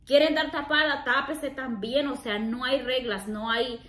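A chatty woman talks casually to her vlog viewers, calling them her loves. Her voice sits a little high. The sound is roomy and echoey. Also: steady tone, unhurried, sharp tone. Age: 30s. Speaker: vlogger.

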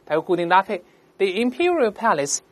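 A woman's voice: mid-range voice, big pitch swings. A woman teaching English vocabulary, explaining words patiently and asking "right?" again and again. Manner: explains patiently, slowly models pronunciations for repeating; asks "right?" often. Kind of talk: vocabulary lesson.

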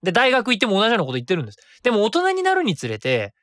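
This man, in his thirties, has a high voice and hosts a web radio show alone. His talk rambles casually with frequent self-corrections, delivered quickly and with animation, in a studio-quality recording with no echo.

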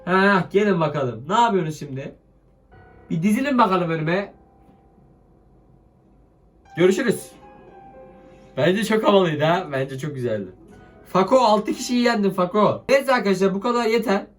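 A man's voice: high-pitched, animated, normal speed, pauses often, faint music behind. A young man with a sick, strained voice, giving casual commentary over a mobile game and swearing playfully at it.

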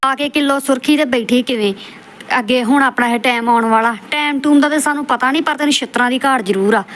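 High-pitched, a bit bright, and fast-talking, a woman hosts a roast, scolding the subject of a clip and hurling insults in a lecturing, scornful manner. It's roast commentary over clips from her channel.

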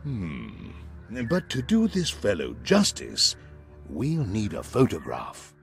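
A man's voice: fairly low pitch, wildly swooping pitch, vocal fry, soft background music, heavily acted. A man voicing an eccentric, playful costume maker in an adventure game, humming and musing as he talks. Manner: drawn-out, musing delivery with many hums. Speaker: game character.

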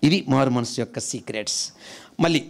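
A male pastor preaching a sermon, asking his congregation questions and answering them himself, with sudden emphatic bursts and hushed drops, mixing in English words. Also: mid-range voice, fairly quick, vocal fry. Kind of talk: Telugu sermon.

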